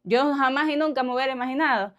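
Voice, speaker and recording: A Cuban vlogger with a Cuban accent chats casually to camera, laughing often and throwing little questions at her viewers. Her voice is high-pitched, fairly bright and quick.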